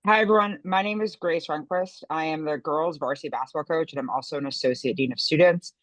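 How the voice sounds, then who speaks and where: A woman's voice: deep voice, fast talker, a bit bright, no echo. Earnest woman coach on a webinar panel. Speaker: girls basketball coach and associate dean.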